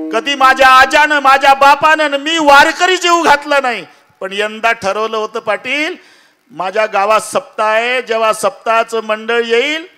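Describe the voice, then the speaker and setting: A man voicing a poor, humble male pilgrim who pleads in a high, loud, tearful voice. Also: clear, resonant tone.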